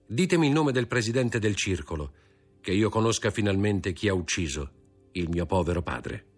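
A man's voice: on the low side, animated, moderate pace, husky, faint music behind. A man voicing a desperate young nobleman who pleads and begs in an impassioned voice, in an audiobook reading of a novel. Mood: pleading.

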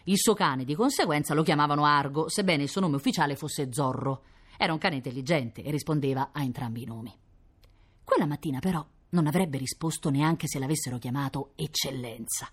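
A woman reading a children's story aloud, doing quick voices for the townsfolk in the dialogue. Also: low voice, breathy edge. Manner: lively, does many voices for townsfolk in dialogue. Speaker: narrator.

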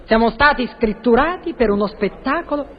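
A woman's voice: on the high side, lively intonation, normal speed. A woman with a Neapolitan accent performing a stage comedy sketch, voluble and bantering. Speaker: comic performer. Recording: dull lo-fi old recording.

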